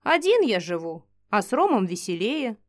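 A man's voice: high-pitched, sing-song, moderate pace. A woman reading an audiobook, voicing an old male wizard who lives alone and talks with weary sighs. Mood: resigned. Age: older. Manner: sighing, resigned.

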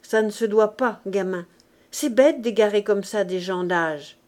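A woman voicing a cheeky, brash street boy in a storybook reading, talking loudly and jauntily in a raised voice. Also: unhurried, lightly acted. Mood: cocky. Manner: loud, jaunty, raised pitch.

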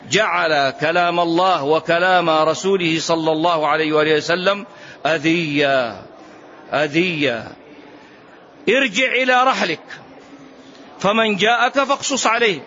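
A man with a high voice teaches a religious lesson. He presses his points with rhetorical questions and repeats key phrases. The recording is dull and lo-fi. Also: pushed and bright. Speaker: Islamic lecturer.

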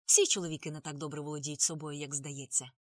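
A calm, wry woman, read by a female narrator, answers in a composed, dry tone. Close, dry recording with no room. An audiobook line reading. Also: low voice, fast talker, no room sound, pitched below the performer's own voice.

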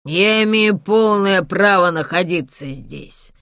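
A woman voicing a gruff male vagrant with a Cornish accent, hoarse from sleep, curt and snapping. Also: lowish voice, takes it slowly, fairly bright tone, dry recording, clean studio sound, pitched above the performer's own voice. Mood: hostile.

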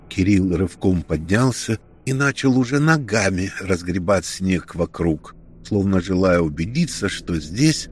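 A man narrating a tense story in a steady, measured read. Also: lowish voice.

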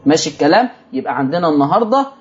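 Egyptian sheikh teaching quran recitation on tv, high voice, talks fast, keeps asking the viewers questions, kinda muffled lo-fi sound. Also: male voice, sing-song, faint music behind. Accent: Egyptian Arabic. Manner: addresses viewers directly with frequent rhetorical questions; explains rules step by step, answering imagined objections. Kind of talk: televised religious lesson.

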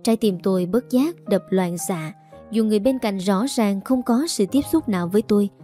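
A woman narrates a first-person family story in a calm, mellow voice. A faint bed of music plays beneath her reading. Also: medium pitch. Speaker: audiobook narrator. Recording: soft music underneath.

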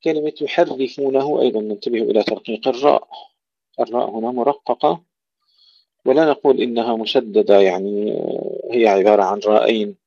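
A man teaching tajweed, reciting verses slowly and explaining each pronunciation mistake. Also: medium pitch, dark tone, no room sound, highs cut off. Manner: slow drawn-out recitation of verses between quick explanations. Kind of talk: tajweed lesson with recited examples.

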